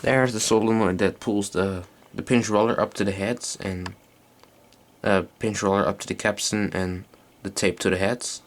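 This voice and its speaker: This hobbyist's voice is fairly low, with fairly even intonation and a normal speed. He's showing off a tape recorder in an unscripted, casual hands-on demonstration, thinking aloud and hesitating as he goes.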